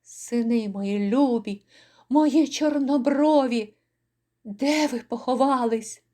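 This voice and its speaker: A woman voicing a grief-maddened Cossack father in a dramatic poetry recital, crying out in anguish with slow, drawn-out lines. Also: a little high. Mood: raging lament. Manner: anguished shouting and lament, drawn out. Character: grief-mad Cossack father, furious and despairing.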